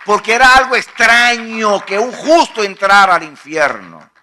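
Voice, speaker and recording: A male pastor preaching a sermon, emphatic, repeating phrases and swinging from hushed to loud. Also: high voice, animated, measured pace.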